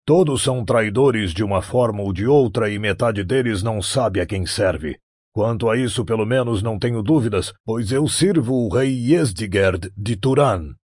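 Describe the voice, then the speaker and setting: A worldly, scheming noble prince, measured and cynical, as a male reader plays him. His voice sits low and husky, dry and close. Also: darkish tone, no room sound. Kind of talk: audiobook character voice.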